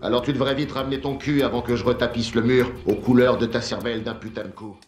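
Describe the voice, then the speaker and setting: An actor dubbing a violent thug with a bat who talks casually and crudely. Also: male voice, mid-range voice, fairly even intonation, fast, reverberant, faint music behind, lightly acted. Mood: menacing. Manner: casual then crude and threatening.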